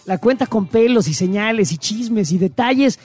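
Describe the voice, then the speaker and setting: High-voiced man co-hosting a radio show. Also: lively intonation, normal speed, darkish tone, slightly rough, soft background music. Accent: Mexican Spanish. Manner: informal, joking, uses slang. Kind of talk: casual radio talk show banter.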